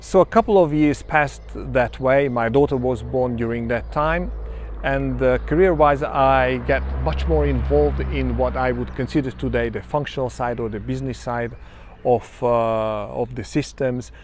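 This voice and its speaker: A man in his fifties with a Hungarian accent, giving a measured, reflective self-introduction with frequent pauses. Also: mid-range voice, slight background noise. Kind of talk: personal self-introduction monologue.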